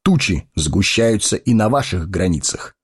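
A man's voice: low-pitched, lively intonation, a little slow, breathy edge, full character voice. An actor playing a noble warrior and heir to a throne who speaks solemnly and declaims his lines. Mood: grave. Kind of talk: audio drama acting.

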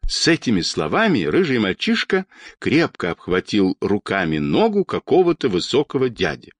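A man reading a children's storybook aloud with expressive, lively intonation. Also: fairly low pitch, normal speed, dry recording.

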